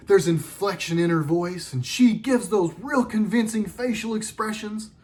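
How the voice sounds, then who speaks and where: A middle-aged man delivering a sarcastic, heated political commentary monologue with lots of emphasis. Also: high voice.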